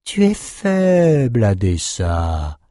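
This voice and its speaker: Man voicing a slow, taunting undead head. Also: mid-range voice, huge pitch swings, mellow, no room sound, studio quality, heavily acted. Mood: mocking. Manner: slow, drawn-out, taunting delivery. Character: mocking undead severed head, male, hateful.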